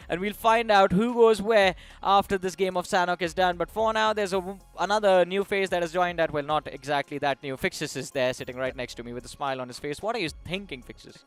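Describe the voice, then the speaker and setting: A man's voice: high voice, smooth, no echo. A man with an Indian English accent, casting and analysing a mobile esports tournament in an upbeat, bantering way. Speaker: esports caster. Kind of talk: esports analyst desk commentary.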